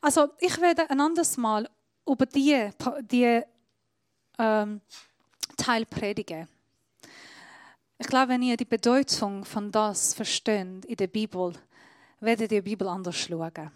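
A woman preaches to her congregation in German, her grammar loose as she explains things she holds up. Her voice sits a little high. The sound is dry and close, with no room echo. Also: unhurried, long pauses. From Iran. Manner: non-native German with grammar slips, explaining with props. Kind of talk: sermon.

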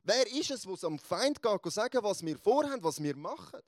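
A man's voice: sits high, very animated, a little fast, no room sound. A man voicing a suspicious, brusque male king accusing his advisers in a preached story.

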